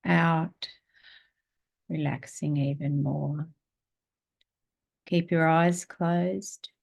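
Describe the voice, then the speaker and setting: A woman teaching a spiritual class, guiding a meditation in a slow, calm, gentle way and reading aloud. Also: low-pitched, creaky.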